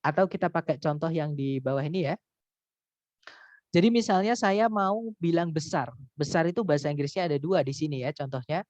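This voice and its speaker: This male grammar teacher speaks a little high and fairly quickly, with a slightly mellow tone, in a recorded online English lesson. He is patient, repeats himself, and frequently uses "teman-teman." The audio has no echo and sounds dry and somewhat dull.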